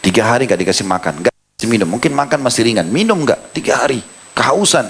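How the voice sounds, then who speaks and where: Male preacher, animated sermon storytelling, mid-pitched voice. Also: quick pace, creaky, slightly rough. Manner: animated storytelling, quoting the characters; recites Quranic Arabic verses.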